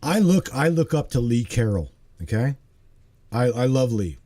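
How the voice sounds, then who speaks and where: Hosting a casual livestream, a man in his forties speaks in a warm, mellow, mid-range voice with a sing-song lilt at a normal pace. He's animated and emphatic, repeating himself and often checking in with his listener.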